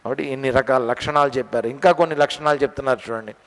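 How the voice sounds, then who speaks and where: A man giving a spiritual discourse on scripture, explaining each word and asking his listeners questions, with stretches of slow verse chanting. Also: mid-range voice. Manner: explains word meanings and drills pronunciation, asks the audience questions. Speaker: Gita teacher. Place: lecture hall. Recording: long hall reverb.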